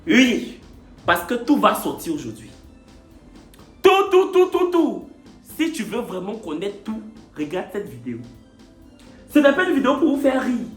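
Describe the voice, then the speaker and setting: A man confides his love story to camera, a little tipsy late at night. His delivery is theatrical and playful, with lively rises and falls and lots of repetition. The room around him is echoey, with faint music underneath. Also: high-pitched, normal speed. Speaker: YouTuber telling his own story. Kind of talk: comic confessional vlog.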